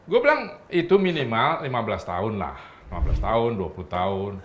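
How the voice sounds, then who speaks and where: Talk-show guest: a man, animated, with a wide pitch range. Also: fairly quick, a crowd in the background. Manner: animated, acts out quoted speech. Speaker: guest commentator. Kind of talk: casual talk-show chat.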